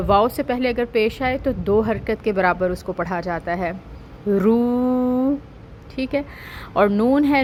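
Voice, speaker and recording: A woman with a Pakistani Urdu accent, teaching Quran recitation step by step and checking in often with the listener, drawing the verses out slowly when she recites. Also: mid-range voice, a little hiss or hum. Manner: explains step by step, checks with "theek hai"; slow drawn-out recitation of verses.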